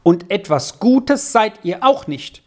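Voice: mid-range voice, sing-song, takes it slowly, a little mellow, voice pushed up. A reader voicing an earnest, pious young farm boy in a German storybook reading, in a raised, eager voice. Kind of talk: audiobook character voice.

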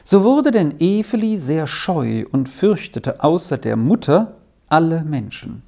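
A reader narrating a children's story in a gentle, measured way. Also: medium pitch, big pitch swings, gravelly. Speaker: audiobook reader.

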